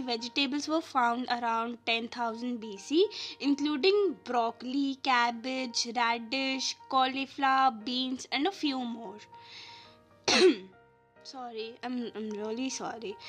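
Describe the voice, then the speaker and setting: Higher-pitched Indian woman podcaster with a cold. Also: fairly bright tone. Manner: informal, addresses listeners directly with questions. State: has a cough and cold. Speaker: podcast host. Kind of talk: chatty scripted podcast narration.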